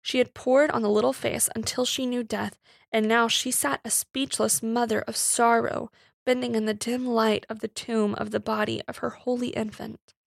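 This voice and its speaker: Woman narrator, slightly high, gravelly, dry close read of a period story. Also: no room sound. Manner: measured, expressive storytelling. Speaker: reader. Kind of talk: scripted narration of a Victorian short story.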